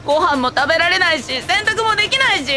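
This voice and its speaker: A woman's voice: very high voice, animated, racing, music in the background, crowd noise. Woman voicing a weepy homesick anime boy. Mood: tearful. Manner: whiny, sobbing. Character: weepy homesick young male idol trainee.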